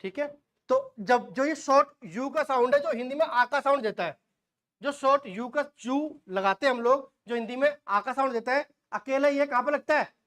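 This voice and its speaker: In a shorthand classroom lecture, a forties-aged man asks the class questions and then answers them himself, sprinkling in homely jokes. He speaks at a moderate pace in a very high-pitched, slightly bright voice.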